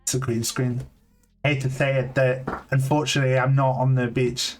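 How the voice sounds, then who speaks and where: Halting, candid man in his late thirties. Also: medium pitch, level tone. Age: 30s. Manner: halting, candid, full of "like" fillers and restarts. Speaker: streamer. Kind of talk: casual live-stream chat. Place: home streaming setup with green screen. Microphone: desk mic on a long cable. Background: faint lo-fi music playing.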